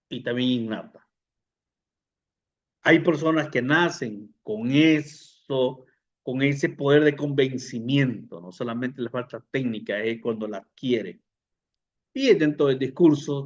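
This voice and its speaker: A man teaching a public speaking class to pastors, unhurried, often repeating words and putting questions to the listeners. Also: medium pitch, darkish tone, highs cut off. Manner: unhurried, repeats words, fillers, asks the audience. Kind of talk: lecture to pastors.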